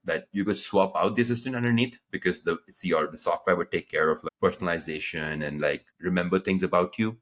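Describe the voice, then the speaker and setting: Low, husky-voiced man telling his story. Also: brisk, hardly any pauses. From Pakistan. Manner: animated, acts out quoted dialogue with jumps in pitch. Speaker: guest entrepreneur. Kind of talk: conversational interview storytelling.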